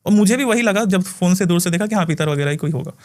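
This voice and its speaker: Brief: male spiritual healer, high-pitched, lively storyteller, laughs a lot. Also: quick pace. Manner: animated storytelling, laughs often. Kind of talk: casual podcast chat.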